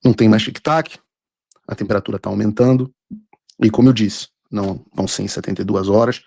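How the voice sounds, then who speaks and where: A man with a Brazilian accent and a husky voice, hosting a live political show with commentary and read-out texts. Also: lowish voice, fairly even intonation, brisk, dark tone, no room sound, studio quality.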